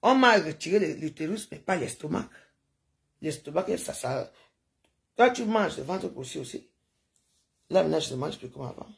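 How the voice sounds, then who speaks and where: A woman's voice: deep voice, lively intonation, normal speed, gravelly, pauses often. An older woman chatting to her viewers in a rambling, digressive livestream monologue, sprinkling in sound-effect noises.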